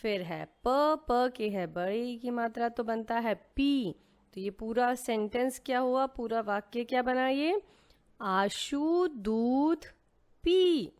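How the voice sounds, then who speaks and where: Woman, children's reading teacher, slow and patient, sounds out syllables, clear smooth voice, fairly high. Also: a little mellow. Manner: patient, asks questions and answers them herself; sounds out syllables slowly, mixing in English words. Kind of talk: children's Hindi reading lesson.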